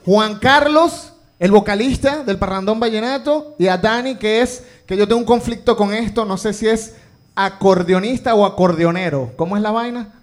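High-voiced man hosting a talk show. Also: moderate pace. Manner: loud and excitable when introducing, casual otherwise. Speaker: show host. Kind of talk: casual banter, hyping guests.

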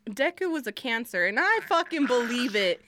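A woman's voice: fairly high pitch, very animated, normal speed, noisy background. A young woman co-hosting a casual podcast chat, rambling and laughing, swearing often. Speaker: podcast co-host.

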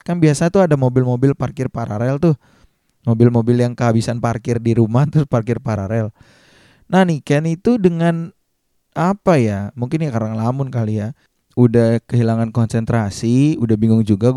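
A man's voice: medium pitch, clear, resonant tone, no room sound, clean studio sound. A man, telling a personal story casually and acting out the dialogue. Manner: lively slangy retelling, acts out quotes in a raised voice. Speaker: vlogger.

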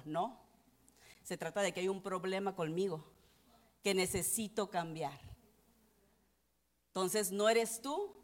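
A middle-aged woman pastor, giving an earnest, confessional testimony sermon. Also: mid-range voice. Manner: earnest, confessional, rising and falling with emotion.

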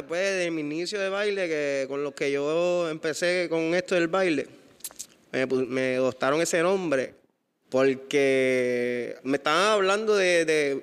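A man's voice: a little high, normal speed, a bit bright, smooth, big-room sound. A man, a dancer answering interview questions hesitantly, searching for words. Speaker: guest breakdancer.

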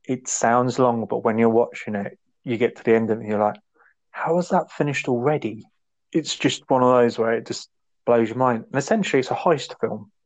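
A man's voice: mid-range voice, fairly even intonation, fairly quick. A man casually chatting about a film, enthusiastic and rambling. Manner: enthusiastic, rambling, acts out quotes. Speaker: podcast co-host. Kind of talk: casual film review chat.

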